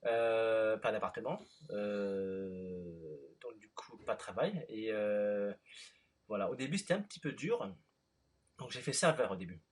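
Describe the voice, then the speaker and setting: A man from France in his thirties, interviewing a guest in relaxed chat with lots of fillers. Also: on the low side, measured pace. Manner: relaxed, many fillers and short backchannels.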